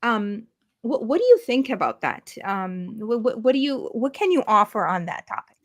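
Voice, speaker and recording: A woman with a fairly high voice hosts an interview. She speaks hesitantly, with many ums and restarts. She affirms her guest before asking her next question. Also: sing-song, normal speed. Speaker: host. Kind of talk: hosting an interview.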